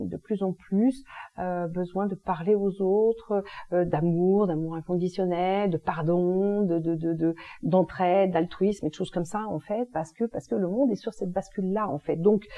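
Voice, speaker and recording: A woman's voice: fairly low pitch, lo-fi sound. A woman explaining astrology in a casual, chatty monologue, using informal slangy expressions. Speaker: energy healing and astrology presenter.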